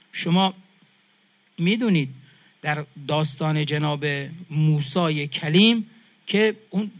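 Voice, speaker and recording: A man's voice: high voice, sharp tone. A man from Iran giving a religious sermon to a gathering, building his points through emphatic repetition and calling his listeners brother and sister. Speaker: preacher.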